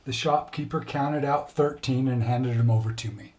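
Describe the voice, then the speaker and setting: A man's voice: mid-range voice, fairly even intonation, moderate pace, a little mellow. A man delivering short dad jokes in a casual storytelling way. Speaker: contestant telling dad jokes. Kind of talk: casual joke telling. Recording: clear background noise, clicks.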